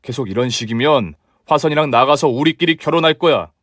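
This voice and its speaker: A man's voice: mid-range voice, brisk, a bit bright, no room sound, studio quality, close to an everyday voice. A man voicing a young man who argues with his mother and pleads to keep his fiancée. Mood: exasperated. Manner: pleading, exasperated.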